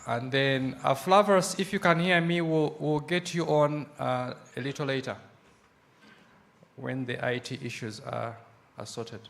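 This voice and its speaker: Gravelly-voiced man as a conference moderator, steady and directive, miked in a hall. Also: medium pitch, measured pace, a little hiss or hum. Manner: steady, directing the room with short instructions. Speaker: session moderator. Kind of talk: chairing a conference Q&A.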